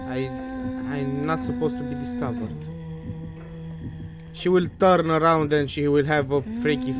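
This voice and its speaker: A fairly high-pitched man streams a horror game in a scared, jittery manner. He talks slowly and casually, with plenty of swearing. Game music plays clearly behind his voice. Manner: scared, nervously anticipating jump scares; swears freely. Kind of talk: casual let's-play commentary. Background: video game music.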